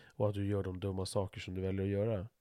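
A man's voice: low voice, flat delivery, warm tone, no echo, studio quality. A middle-aged man talking frankly in a casual conversation, swearing freely and restarting his sentences as he thinks aloud.

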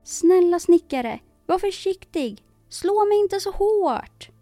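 A woman's voice: animated, mellow, no room sound, soft background music. A woman voicing a tiny, pitiful voice coming from a wooden log in a storybook reading. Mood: pleading. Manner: squeaky, whimpering, giggly.

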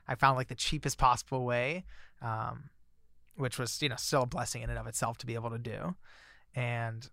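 Gravelly-voiced man telling a story. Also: medium pitch, no echo, studio quality. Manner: chatty, many fillers, grows excited when recounting surprises. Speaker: author guest. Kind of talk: casual storytelling.

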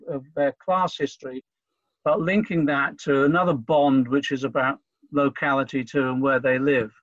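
A man from Liverpool, talking in a halting, earnest way as an interview guest, often repeating himself. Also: a little high, no room sound, dull audio. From Liverpool, England. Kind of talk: conversational interview.

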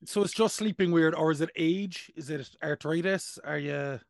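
Irish man, 30s, podcast host, playful and self-mocking, fairly high voice, dry recording. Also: normal speed, gravelly, dry recording. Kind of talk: casual comedic chat.

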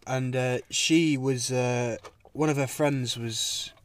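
A man's voice: medium pitch, steady tone, takes it slowly, slight background noise. A British man co-hosting a casual sports podcast in a car park, talking informally and a little hesitantly. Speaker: podcast co-host. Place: car park, recording on location.

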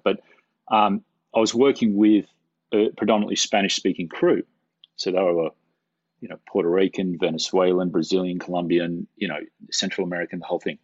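A man's voice: deep voice, dry recording. A middle-aged man, a camera operator, telling stories in a casual interview, rambling and repeating words with self-deprecating humor. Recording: dull, dry, lo-fi sound.

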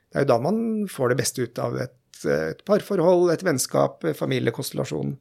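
A man working as a general practitioner, talking in a relaxed podcast conversation, thoughtful and hesitant with many fillers. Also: mid-range voice, vocal fry, husky. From Norway.

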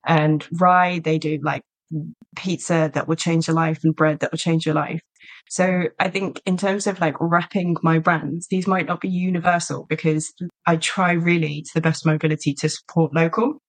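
This low-voiced woman co-hosts a podcast and speaks at normal speed with flat delivery. She's chatty and enthusiastic, peppering her talk with "like," and she lives in a small market town in south-west England.

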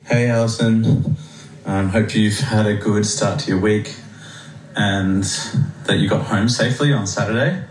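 Aussie guy leaving a voicemail over the phone, deep-ish voice, lots of ums, kinda roomy echo. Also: steady tone, unhurried, slight background noise. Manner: hesitant, many ums, heartfelt thanks. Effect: voicemail played back over a phone line. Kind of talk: voicemail message. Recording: echoey phone message with music behind.

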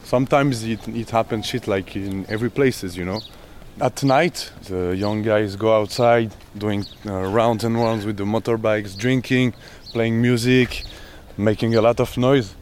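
A man working with kids, talking casually outdoors in halting, non-native English with many fillers. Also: lowish voice, fairly even intonation, darkish tone, slight background noise. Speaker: youth worker. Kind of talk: casual interview. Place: outdoors in a neighbourhood.

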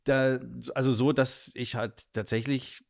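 A man's voice: medium pitch, steady tone, unhurried, no room sound, clean studio sound. A young man from northern Germany, a guest chatting casually in an interview, rambling with many fillers.

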